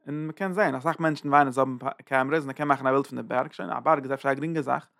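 A man's voice: medium pitch, fairly even intonation, racing, vocal fry, fairly bright tone, dry recording, clean studio sound. A man teaching a Torah lecture, thinking aloud and searching for words as he explains. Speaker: religious teacher.

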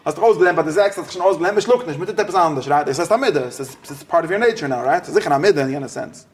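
A man with a fairly high voice leads an interactive religious study class. He keeps questioning his students and drops English phrases into his explanations. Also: lively intonation, very fast. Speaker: religious teacher.

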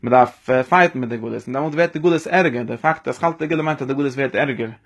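A man's voice: medium pitch, quick pace. A man giving a spoken religious lesson, rambling and restarting, mixing in Hebrew and English words. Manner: mixes Yiddish with English and Hebrew terms. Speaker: teacher.

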